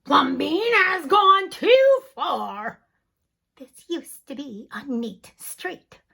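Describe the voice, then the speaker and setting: Teacher putting on scandalized neighbors, yelling high and stretched out, upset about a messy house. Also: female voice, big pitch swings, gravelly, full character voice. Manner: loud, shrill, drawn-out exclaiming. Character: scandalized gossiping neighbors on a tidy street.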